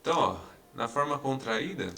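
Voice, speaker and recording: A man's voice: mid-range voice, animated, normal speed, creaky, bright, forceful tone. A man teaching English grammar in an online lesson. He explains patiently and repeats each example, checking in with his students again and again.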